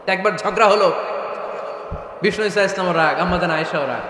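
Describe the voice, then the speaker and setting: Animated preacher with booming echo. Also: male voice, a little fast, slight background noise. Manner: animated storytelling, asks the crowd questions. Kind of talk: Bengali waz sermon to a crowd. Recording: echoey outdoor hall PA.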